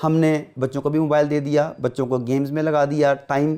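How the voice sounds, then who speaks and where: A man's voice: fairly high pitch, level tone, dark tone, clean tone. A man, a guest lecturer explaining earnestly, emphatic and full of rhetorical questions. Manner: emphatic, rhetorical questions, mixes in English words. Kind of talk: earnest explanatory podcast talk.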